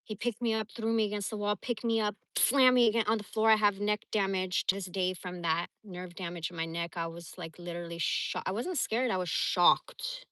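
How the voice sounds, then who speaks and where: A woman's voice: medium pitch, steady tone, a little fast, hardly any pauses, fairly bright tone, no room sound. A woman from the Bay Area telling rambling personal stories on a casual livestream, blunt and profane. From San Francisco Bay Area. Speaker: livestream host.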